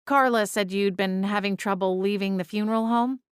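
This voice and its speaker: A woman playing a kindly, reassuring ghost-seer with gentle conversational delivery in an audiobook. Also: medium pitch, steady tone, a little fast, clear, resonant tone, no echo, studio quality, lightly acted. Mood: gentle, sympathetic. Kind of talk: audiobook character dialogue.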